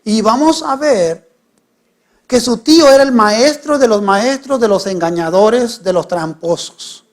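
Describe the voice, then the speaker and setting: A middle-aged male pastor, preaching a sermon. He swings from hushed, quiet lines to sudden loud, raised ones. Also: very high voice, measured pace.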